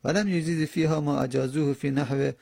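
Gravelly husky male teacher. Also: a little high, steady tone, dark tone, no echo, studio quality. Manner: reads a text line by line and explains it, slow drawn-out example words. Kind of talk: classroom grammar lesson.

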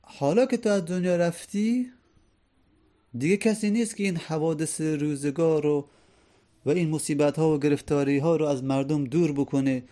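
Mellow-voiced male teacher explaining poetry. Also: a little high, fairly even intonation. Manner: explains line by line, rhetorical questions to students. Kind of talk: lecture explaining classical poetry.

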